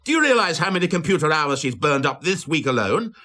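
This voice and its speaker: A stern, budget-minded project director. He speaks in a clipped, authoritative way, with pitch that rises and falls a lot. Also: very animated, fast, sharp tone.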